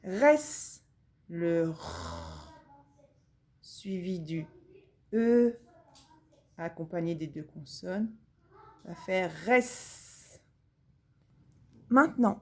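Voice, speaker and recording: Slow, deliberate French woman teacher. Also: mid-range voice, breathy edge. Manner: slow, deliberate, drawing out each sound. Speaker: primary school teacher. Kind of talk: slow phonics lesson for young children.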